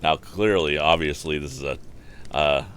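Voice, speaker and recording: A rumbling low voice with a slightly bright edge reads at normal speed on a storytime livestream. The host animates the book and chats casually in between, speaking into a streaming microphone with faint background noise.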